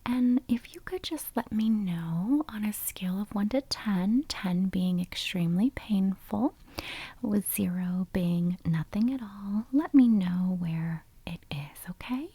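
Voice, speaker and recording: Casting: woman for whispered role-play of a gentle, methodical foot doctor; breathy whisper with creaky edges. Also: mid-range voice, slow, dry recording. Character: calm, gentle foot doctor examining a patient. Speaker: ASMR performer playing a foot doctor.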